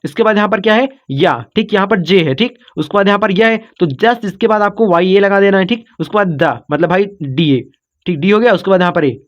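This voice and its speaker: Speaking briskly in a high voice, a man teaches spelling online, patiently sounding out syllables and repeating himself frequently. He checks on his students with "okay" and calls them "kids" and "brother." The sound is lo-fi.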